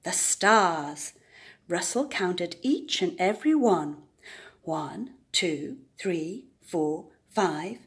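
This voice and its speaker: Reading a storybook aloud to young children, an older woman speaks deliberately and expressively, adding dramatic emphasis. Her pitch is fairly low.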